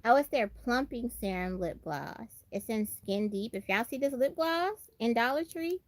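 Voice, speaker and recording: A woman from Brooklyn, New York chats casually as a livestream host, expressive and prone to repeating phrases for emphasis. Her American accent has a country Southern tinge; her voice is a little high with lively intonation at normal speed, and there's no echo.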